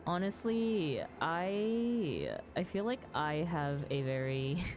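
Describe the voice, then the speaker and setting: Over background music, an expressive woman with a low-sitting voice speaks at a slow pace. She chats casually and easily with her audience while hosting a game stream.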